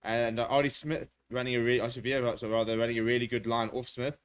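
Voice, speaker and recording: A man calls a rugby match live for a watchalong audience. He talks at a quick clip, piling up fillers and restarts, and his voice jumps up whenever the play gets going. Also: medium pitch, clear, resonant tone. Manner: rapid, excitable play-by-play with filler words. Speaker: watchalong commentator. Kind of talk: live rugby commentary with chat replies.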